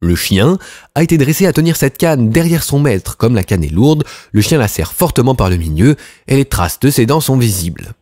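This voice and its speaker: A man's voice: medium pitch, big pitch swings, normal speed, mellow, no echo, clean studio sound. A man reading an audiobook and voicing a brilliant male detective who lays out his deductions in a confident, precise manner. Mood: lecturing. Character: brilliant, self-assured male detective, dry and incisive.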